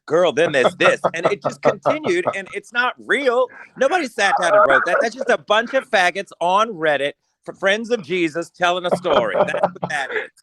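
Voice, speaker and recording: A man's voice: sits high, lively intonation, moderate pace, sharp tone, slight background noise. A man co-hosting a podcast in casual chat, brash, crude and sarcastic, laughing often. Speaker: podcast co-host.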